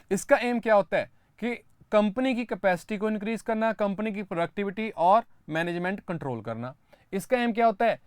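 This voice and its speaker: Man lecturing with clear dry voice. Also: high voice, dry recording. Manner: addresses students as kids, explains step by step, frequent rhetorical questions. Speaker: current affairs teacher. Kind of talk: exam-prep lecture.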